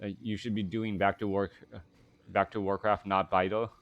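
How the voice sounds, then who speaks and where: A man's voice: on the low side, flat delivery, moderate pace, narrow, tinny audio. A man, casting a strategy game live and drifting into rambling chat full of fillers and restarts. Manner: rambling, chatty, many restarts and filler words. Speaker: game caster.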